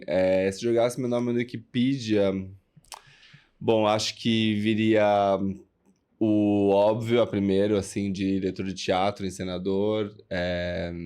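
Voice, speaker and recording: Low, flat-voiced flamboyant man. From São Paulo, Brazil. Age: 30s. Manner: flamboyant, candid storyteller. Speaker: guest, performer. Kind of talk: casual interview.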